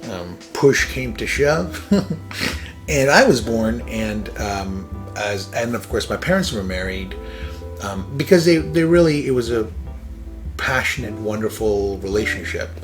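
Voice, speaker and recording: A man's voice: lowish voice, animated, measured pace, soft background music. A man from Iran, hosting his own show in a casual, rambling monologue, full of fillers and restarts, with small chuckles between thoughts. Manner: rambling, filler-heavy, self-interrupting. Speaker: podcast host.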